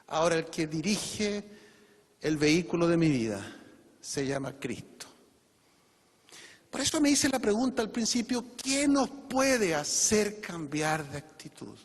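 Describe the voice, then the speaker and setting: A man's voice: on the high side, sing-song, unhurried, husky. A male pastor preaching a sermon to his congregation, pressing home his points with rhetorical questions. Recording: long reverb of a church hall.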